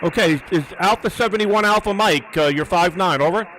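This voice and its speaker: A high-voiced man runs a live amateur radio test. He methodically repeats short phrases and call signs, with faint radio noise behind him. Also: fairly quick, a bit bright, poor audio. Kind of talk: live radio contact and antenna test commentary.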